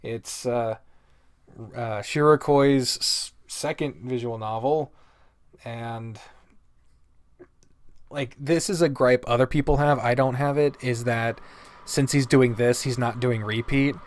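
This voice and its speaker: He talks slowly, pausing often, in a medium pitch with fairly even intonation, and the recording is dry but has noticeable background noise. He's a video host reviewing visual novels, giving rambling, opinionated, casual commentary laced with heavy swearing.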